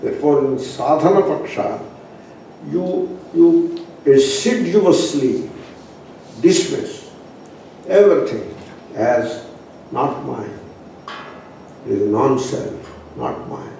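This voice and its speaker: Echoey Indian-accented man teaching, mellow voice. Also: mid-range voice, expressive, creaky. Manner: emphatic, repetitive teaching with pauses. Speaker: spiritual teacher. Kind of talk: philosophy class, discourse. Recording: echoey room, distant mic, faint noise.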